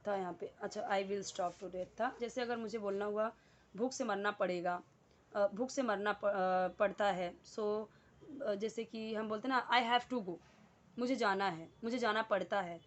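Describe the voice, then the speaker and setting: A woman's voice: mid-range voice, steady tone, moderate pace, highs cut off. A woman teaching English in Hindi, explaining sentences step by step and repeating key words with frequent fillers. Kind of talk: casual Hindi English lesson.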